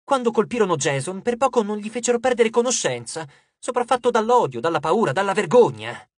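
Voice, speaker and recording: A man narrating an audiobook chapter in a measured, even reading. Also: high voice, dry recording, clean studio sound.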